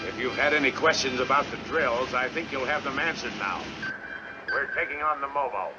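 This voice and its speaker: A man's voice: medium pitch, brisk, over loud music, lightly acted. A man playing a middle-aged American submarine captain in a 1950s war film, giving terse, controlled periscope callouts and commands. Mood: composed, commanding. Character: stern, composed American submarine captain in wartime. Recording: dull old film soundtrack, loud engine noise.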